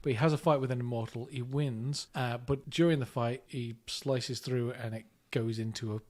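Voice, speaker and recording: A man chatting on a home podcast, recorded in his kitchen on a semi-professional mic. He rambles with enthusiasm, circling back with "like" and "you know" as he talks. His voice sits at an ordinary middle pitch. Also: steady tone, normal speed, darkish tone. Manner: enthusiastic, rambling, lots of fillers. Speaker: podcast co-host. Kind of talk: casual chat.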